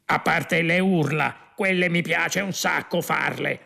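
A dim, brutish alien guard growls short, blunt lines and mulls things over slowly, as a man voices him. The tone is gravelly and husky. It comes from a storybook reading of a comic space tale. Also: fairly high pitch, sharp tone, voice pushed up, full character voice. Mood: dull, blunt. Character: dim, brutish male alien guard who loves shouting.

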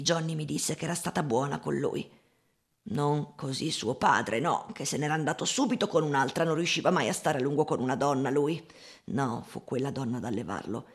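A woman voicing a poor old woman who is recalling hard times, in a plain, sorrowful audiobook reading. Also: very deep voice. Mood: sad, agitated.

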